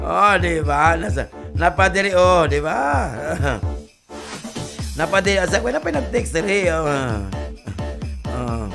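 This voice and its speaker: A Filipino man hosting a radio show, joking and laughing as he reads listener shout-outs. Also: sits high, vocal fry. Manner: jokey, laughing, mixes languages. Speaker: radio host. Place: radio studio.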